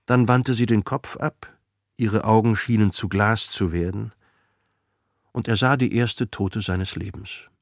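A man narrating a literary novel in a calm, measured, dry storytelling manner. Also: on the low side, no room sound. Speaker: audiobook narrator.

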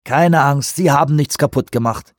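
A man reading an audiobook, voicing a relaxed dive station chief who reassures a colleague. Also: a little high, moderate pace, no echo, clean studio sound, pitched above the performer's own voice, close to an everyday voice. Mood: reassuring. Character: middle-aged male dive station chief, easygoing.

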